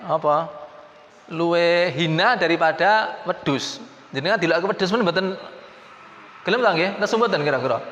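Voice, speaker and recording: A man's voice: sits high, fairly bright tone. A man with a Javanese accent preaching a mosque sermon, often asking the audience questions. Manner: mixes Javanese and Indonesian, asks the audience questions. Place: mosque hall. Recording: echoey mosque hall.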